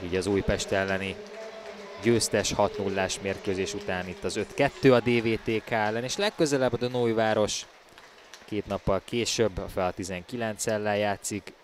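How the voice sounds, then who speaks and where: A man giving excited ice hockey commentary, with his voice rising loudly for the big plays. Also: fairly low pitch, a little hiss or hum. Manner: bursts into loud, raised calls on goals.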